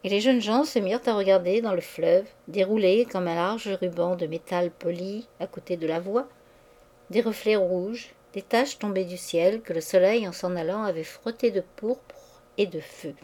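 Woman reading a classic novel aloud. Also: medium pitch. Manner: measured, expressive reading. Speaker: audiobook reader. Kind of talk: scripted narration of a novel.

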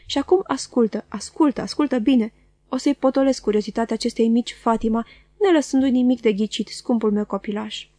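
A woman voicing a self-assured young gentleman who speaks in a smooth, mocking way, in a storybook reading. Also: fairly high pitch, no echo, close to an everyday voice. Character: suave, confident young gentleman.

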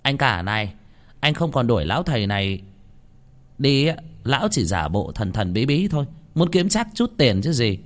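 A man voicing a scornful, sharp-tongued middle-aged aunt, speaking in a shrill, sneering, loud way. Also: sing-song, normal speed, lightly acted. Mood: scornful, combative.

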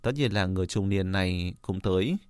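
A man narrating a fantasy novel as an audiobook in a steady storytelling read. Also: low voice, brisk, smooth, dry recording, clean studio sound. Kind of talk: scripted narration.

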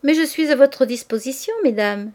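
A woman reading a novel aloud, voicing a suave male store owner who charms society ladies in a smooth, flattering, actorly tone. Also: high voice, moderate pace, pitched above the performer's own voice, natural voice.

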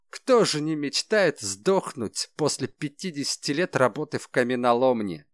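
A man voicing a shrewd, calm detective who speaks in a measured, ironic way, in an audiobook. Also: mid-range voice, dry recording, studio quality, voice pushed up.

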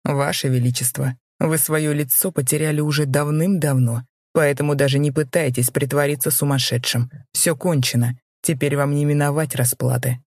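A woman reading as a young male rebel lord who speaks low, cold and contemptuous. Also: steady tone, normal speed, few pauses, a little mellow, no room sound, clean studio sound.

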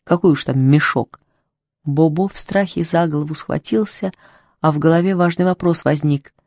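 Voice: medium pitch, moderate pace, a little mellow, no room sound. Dry close-miked storybook narrator. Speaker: audiobook narrator.

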